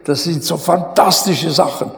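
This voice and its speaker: A man's voice: a little high, a little slow, creaky. A man preaching a sermon, retelling a Bible story dramatically and calling his listeners friends. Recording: echoey hall with long reverb.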